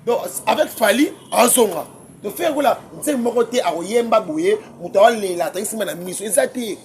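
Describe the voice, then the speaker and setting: A man, debating music as a guest commentator, excitable and quick to laugh, often repeating his words. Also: high-pitched, slight background noise. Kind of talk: heated casual debate.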